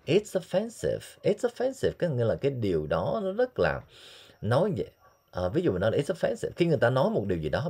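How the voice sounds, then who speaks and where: A man, teaching English phrases and repeating examples slowly. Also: low-pitched, a little mellow, husky. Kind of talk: explaining English phrases in Vietnamese.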